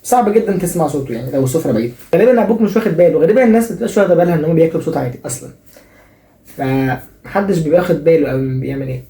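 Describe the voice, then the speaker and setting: Young egyptian guy rattling off jokey advice, fast and teasing, mellow voice, echoey room. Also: on the high side, lively intonation. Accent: Egyptian Arabic. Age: young adult. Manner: joking, teasing, playfully sarcastic. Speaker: advice show host. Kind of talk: comic advice monologue.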